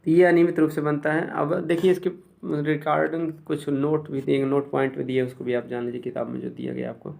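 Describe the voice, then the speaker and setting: A man who teaches English, explaining grammar rules step by step and slowly repeating each example word. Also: a little high, little pitch movement, creaky, a little mellow.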